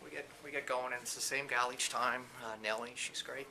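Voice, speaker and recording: Walking through a video production facility, a training company's CEO and presenter narrates in a brisk, gravelly, bright and forceful mid-range voice with fairly even intonation. The tour is informal and chatty, recorded with light background noise and room ambience.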